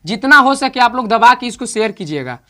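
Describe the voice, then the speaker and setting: A man's voice: very high-pitched, sing-song, a little fast, sharp tone. A man teaching an online grammar lesson, talking straight to his students and saying example words aloud again and again. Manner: direct, repeats words aloud to drill pronunciation.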